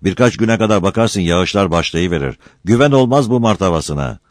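A man's voice: deep voice, expressive, fairly quick, no room sound, studio quality, pitched above the performer's own voice. A man voicing an older grey-haired village foreman who urges the workers on in a raised voice, in a storybook reading. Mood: urging. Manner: urging, hearty.

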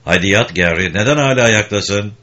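A man's voice: lowish voice, lively intonation, a little fast, sharp tone. A man voicing a strict rancher father who scolds his sons. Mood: stern. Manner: gruff scolding. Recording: dull lo-fi recording.

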